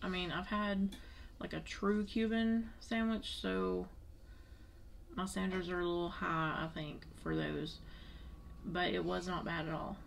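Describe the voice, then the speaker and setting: A woman's voice: lowish voice, fairly even intonation, a little slow, vocal fry, slight background noise. A woman hosting a family vlog, chatting casually as she reviews food.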